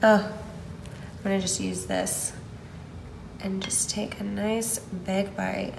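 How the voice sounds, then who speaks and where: A woman's voice: mid-range voice, level tone, takes it slowly, creaky, reverberant, background noise. A woman hosting a casual home cooking video, walking through each step and gushing over the food.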